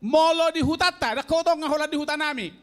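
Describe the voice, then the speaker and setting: A man in his sixties with a Toba Batak accent, telling a comic story in a slow, drawn-out way to an audience of elders. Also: very high-pitched. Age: 60s. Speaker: elderly stand-up contestant. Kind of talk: stand-up comedy storytelling.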